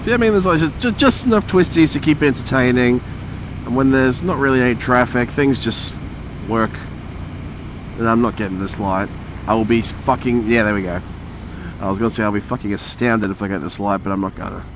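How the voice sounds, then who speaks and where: Male motovlogger, mid-pitched, casual rambling mutter, muffled inside a helmet with clear vehicle noise. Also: fairly quick. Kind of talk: casual vlog chat while riding a motorbike. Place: inside a motorcycle helmet, riding outdoors on roads. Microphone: helmet-mounted mic close to the mouth.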